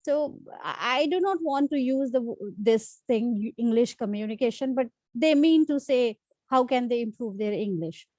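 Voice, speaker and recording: A channel host from India, whose first languages are Hindi and Urdu, gives tips in an informal talk-to-camera lesson with an Indian accent. Her fairly high voice is animated and warm, moving at a normal speed with hardly any pauses, though the unscripted delivery is full of fillers and restarts. There's no room sound.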